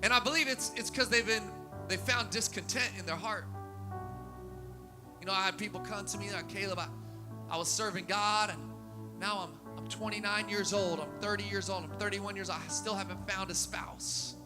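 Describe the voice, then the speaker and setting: Male pastor preaching, high tenor with sharp bright edge, faint keys underneath. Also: moderate pace, music in the background. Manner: repetitive preaching cadence, rising to emphatic peaks. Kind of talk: sermon. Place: church sanctuary.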